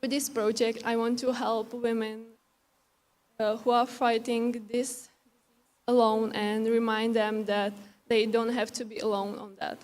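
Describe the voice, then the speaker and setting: A woman's voice: a little high, little pitch movement, unhurried, darkish tone. A Czech woman speaking English as a pageant contestant, giving an earnest prepared speech with small grammar slips. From Czech Republic.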